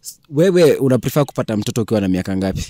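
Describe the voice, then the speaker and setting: A man's voice: medium pitch, big pitch swings, racing, mellow, no echo. A man in his twenties with a Kenyan accent, hosting a casual street interview in a teasing, probing, slangy way. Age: 20s. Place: outdoors beside a car and hedge.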